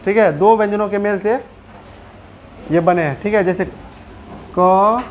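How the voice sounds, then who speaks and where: A woman's voice: mid-range voice, fairly even intonation, normal speed, darkish tone, a little hiss or hum. A woman teacher with a Bihari Hindi accent, giving a classroom grammar lesson and often asking the pupils questions to check they follow.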